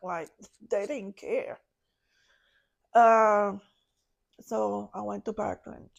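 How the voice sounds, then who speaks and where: A woman, a podcast guest, recounting a personal story in a halting way, searching for words. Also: medium pitch, steady tone, vocal fry, highs cut off. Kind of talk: personal story told in an interview.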